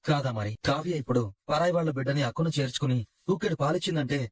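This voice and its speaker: A man's voice: a little high, racing, no room sound, natural voice. A man playing a scheming elder brother who lectures his sister dismissively. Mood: lecturing. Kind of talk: Telugu TV serial acting.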